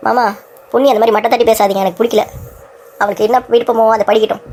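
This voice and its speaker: A woman's voice: on the high side, steady tone, rapid-fire, a little mellow, a little hiss or hum, natural voice. A woman voicing a caring young man who talks earnestly and persuasively in a cartoon story. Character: caring young man, protective of his cousin.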